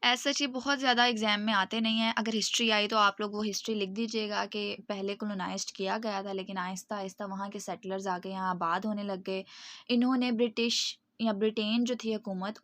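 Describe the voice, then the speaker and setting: A woman gives a recorded online lecture. She explains patiently, checks in with her students often, and reads English passages slowly. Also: medium pitch, a bit bright, no echo.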